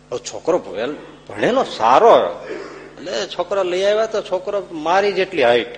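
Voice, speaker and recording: Humorous monk in an echoing hall. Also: male voice, on the high side. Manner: humorous, acts out voices in anecdotes. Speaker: monk giving a discourse. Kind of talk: sermon storytelling. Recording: echoing hall with faint hum.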